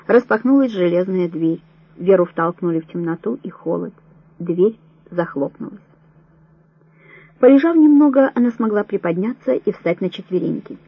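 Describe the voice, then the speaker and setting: A woman reads a novel aloud in measured, steady narration, her voice husky with a gravelly edge. The sound is dull and lo-fi, close-miked and dry, with no room around it. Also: medium pitch, dry recording. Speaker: audiobook narrator. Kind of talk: scripted narration.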